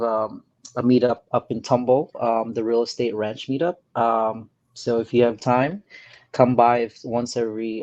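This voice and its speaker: Earnest and soft-spoken, this Filipino real estate investor pauses often as an interview guest in a casual chat. He has a mid-range voice, and the audio sounds dull, with no room sound.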